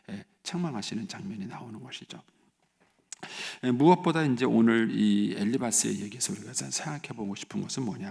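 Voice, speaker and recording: Gravelly-voiced man preaching casually. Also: mid-range voice, a little mellow. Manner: conversational, many filler words. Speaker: pastor. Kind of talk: sermon at a dawn prayer service. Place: church. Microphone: live-stream recording.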